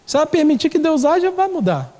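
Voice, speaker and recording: A man's voice: very high-pitched, very animated, quick pace, warm tone. A male pastor with a Brazilian accent delivering a sermon, telling a story and repeating key phrases for emphasis. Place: church. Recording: reverberant church hall.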